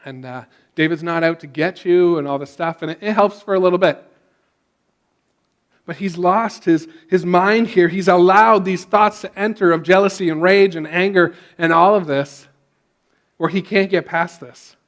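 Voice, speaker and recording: Man, pastor, high voice, casual storytelling sermon, restarts often. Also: fairly even intonation, normal speed.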